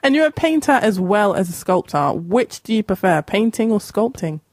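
A woman's voice: mid-range voice, very animated, normal speed, a little mellow, dry recording, clean studio sound. A woman hosting a radio show and interviewing a guest in a casual, chatty way. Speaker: radio host.

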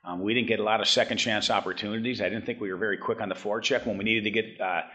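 A head hockey coach in his fifties giving a postgame press conference, talking in halting bursts with many restarts, blunt and frank. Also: on the low side, fairly even intonation, pushed and bright. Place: press room in front of a team backdrop.

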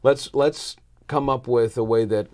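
In a small indoor podcast studio, a middle-aged American marketing consultant answers interview questions, his lapel mic catching a medium-pitched, a little mellow voice with fairly even intonation and a slightly slow pace. He comes across as earnest and conversational, slipping into bits of dialogue as he explains.

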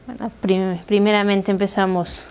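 A young woman narrating an ASMR massage in a hushed, intimate, soothing voice that is close to a whisper. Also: medium pitch, level tone, normal speed, clean tone. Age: young adult. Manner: hushed, intimate, soothing soft-spoken delivery, dropping into whispers. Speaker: massage practitioner. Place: small living room, indoors.

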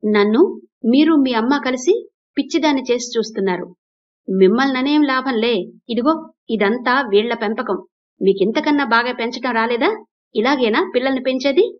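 A woman voicing a spoiled, arrogant young wife who scolds and shouts at her elders. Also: on the high side, fairly quick, lightly acted. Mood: furious, insulting. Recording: dull lo-fi recording.

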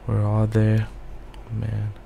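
A man's voice: on the low side, monotone, slow pace, gravelly, mellow, slight background noise. A man giving casual, anxious gameplay commentary while he plays, muttering to himself. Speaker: gaming video host.

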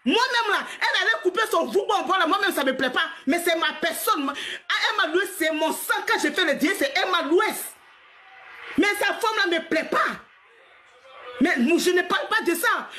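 A woman in her forties rants on a live stream in a very high, bright, forceful voice. She scolds at length, laughs often, and keeps repeating herself. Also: expressive, normal speed. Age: 40s. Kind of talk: heated live-stream rant.

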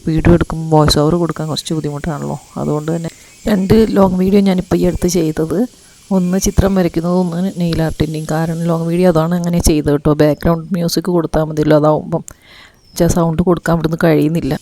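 A woman's voice: low voice, little pitch movement, very fast, warm tone. A woman giving a chatty home tour of her house under renovation, talking straight to her viewers, her throat irritated by dust. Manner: chatty, addresses viewers directly, frequent tag words. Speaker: vlogger. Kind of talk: casual home tour narration.

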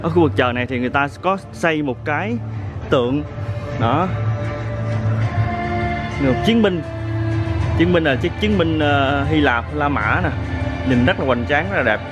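A man's voice: fairly high pitch, animated, measured pace, long pauses. A young man with a southern Vietnamese accent chatting casually to a camera held at arm's length outdoors. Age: young adult. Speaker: travel vlogger. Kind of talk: casual vlog talk to camera. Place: outdoors on walkways in an amusement park. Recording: loud background music, outdoor vlog.

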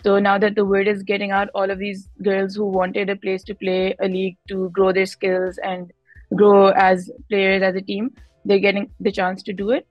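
A woman's voice: medium pitch, monotone, moderate pace, no echo, muffled recording, soft background music. A young Pakistani-accented woman giving conversational interview answers as a guest player, switching between Hindi-Urdu and English mid-sentence. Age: young adult. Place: indoor room, on a video call.

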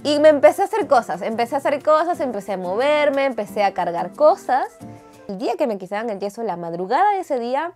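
Female vlogger, Peruvian Spanish accent, slightly high pitch, lively dramatic delivery, faint music bed. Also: quick pace. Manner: animated, dramatic retelling with crude slang. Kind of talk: casual storytelling to camera.

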